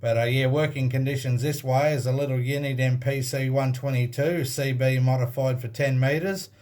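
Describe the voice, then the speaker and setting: Speaking at a moderate pace in a steady, medium-pitched, somewhat dark voice, an Australian man works the radio as an amateur operator. His talk with the other station is casual, matter-of-fact, and full of call signs.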